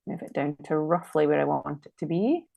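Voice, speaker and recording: A woman's voice: low voice, brisk, creaky, dark tone, dry recording, muffled recording. A woman with a Scottish accent, a designer chatting casually and thinking aloud as she works through a live-stream demo. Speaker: designer guest.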